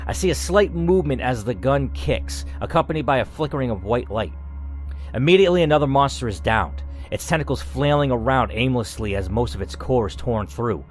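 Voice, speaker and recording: Reading an interactive story as a let's player, this man delivers it dramatically, slipping in casual asides. He narrates video games, and here his mid-range voice is animated and fairly quick over background music.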